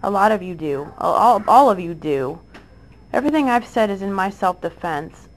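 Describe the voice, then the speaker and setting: A woman's voice: medium pitch, expressive, moderate pace, low-quality recording. A woman in her thirties speaking straight to the camera, aggrieved and insistent, repeating herself with many restarts and fillers. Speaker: mother addressing accusers. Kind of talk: direct-to-camera monologue.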